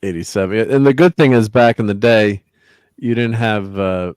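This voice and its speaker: A man hosting a casual live-stream chat in a relaxed, filler-heavy way. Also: fairly low pitch, normal speed, clean tone, no room sound, studio quality. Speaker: host.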